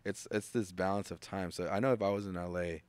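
Casual interview chat on a studio podcast features a music producer in his thirties from the United States, speaking into a studio mic with headphones. His low, slightly mellow voice moves quickly with fairly even intonation and no room sound. He rambles in a laid-back way, with restarts and acted-out quotes.

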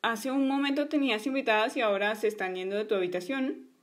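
A woman's voice: on the high side, quick pace, natural voice. A woman voicing a stern mother figure in a toy play story, firm and scolding.

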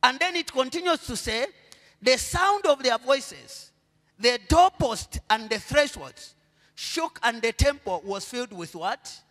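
Speaking at a measured pace in a high, lively voice, a middle-aged Zambian pastor delivers a sermon on an indoor church stage, prompting the congregation to complete his words. He sinks to low murmurs and climbs to loud, stretched proclamations, his handheld mic picking up the hall's long reverb.

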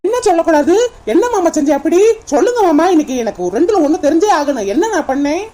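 Cartoon woman as a young wife: very high, mellow tone, pleading, Kanyakumari Tamil. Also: very animated, fast talker. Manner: pleading, playful. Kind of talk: cartoon voice acting.

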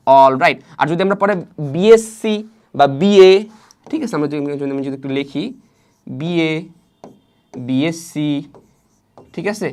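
Guy w a teaching grammar online super fast, keeps asking students stuff then answering it himself. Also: a little high. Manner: fast, repetitive, asks the students questions and answers them himself. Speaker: English teacher. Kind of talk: online lesson explaining grammar.

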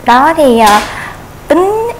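A young woman answers slowly and shyly, full of polite pauses. Her voice sits somewhat high, with faint noise behind. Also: very animated. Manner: shy, polite, many hesitations. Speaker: dating show contestant. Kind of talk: shy answers on a dating show.

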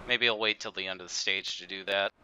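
A man calling a simulated stock car race as stream host, chatty and relaxed with joking asides. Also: sits low, fast talker, slight background noise, poor audio. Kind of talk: casual sim racing play-by-play.

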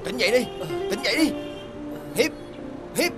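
A woman's voice: a little high, animated, loud music behind the voice, natural voice. An actress playing a blunt young woman who scolds a drunk friend. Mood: exasperated. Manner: fast, exasperated scolding.

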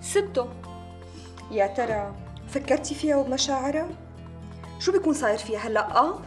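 Brief: a high-voiced Syrian woman, needling and sarcastic. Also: lively intonation, fairly quick, faint music behind. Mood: taunting. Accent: Syrian Arabic. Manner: taunting, sarcastic. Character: sarcastic, mocking female in-law.

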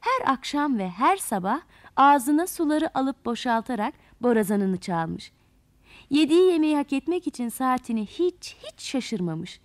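Woman, children's story narrator, high lively voice, dry close mic. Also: no echo. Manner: expressive, animated storytelling.

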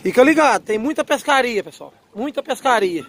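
A man, narrating a fishing vlog from a windy platform on the water and excitedly calling out to his viewers. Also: very high-pitched, a little fast. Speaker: fishing vlogger. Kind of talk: casual outdoor fishing vlog.

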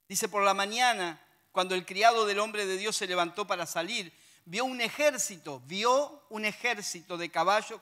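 A man with a high voice and a Rioplatense Spanish accent preaches a sermon. His tone is bright and forceful, and he reads scripture aloud between lively, humorous asides to the congregation.

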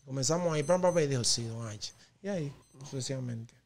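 Speaking fast with some vocal fry at a medium pitch, this Dominican-accented man is a rapper guesting on a laid-back podcast. He spins stories and livens up whenever he laughs with the hosts.

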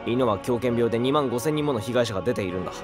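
Fast-talking, dry-witted penguin played by a man. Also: medium pitch, over music, natural voice. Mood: dry explaining. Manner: brisk explaining with sharp retorts. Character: level-headed, dry-witted know-it-all male cartoon penguin. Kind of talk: animated explainer comedy.

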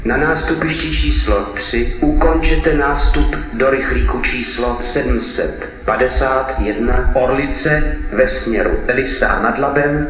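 A man delivers formal railway station announcements at a medium pitch, in measured, segmented phrases. His voice carries through a large echoey hall with long reverb.

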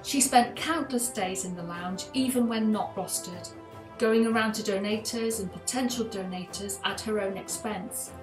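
Woman reading award citations in a roomy attic. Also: mid-range voice. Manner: measured, reads from a script. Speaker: awards presenter. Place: attic room at home. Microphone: video call. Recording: roomy video call audio with music.

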